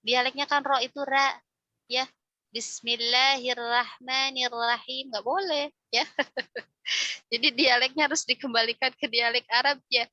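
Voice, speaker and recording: A woman's voice: high voice, steady tone, moderate pace, long pauses, bright, forceful tone, no echo, highs cut off. A woman teaching a religious class on Quran recitation, explaining step by step and often ending phrases with a questioning "ya". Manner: explains step by step, frequent tag "ya", demonstrates recitation aloud.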